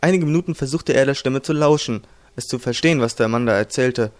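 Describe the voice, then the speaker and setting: Man calmly reading an audiobook. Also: medium pitch, fast talker. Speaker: audiobook narrator. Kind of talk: storybook narration.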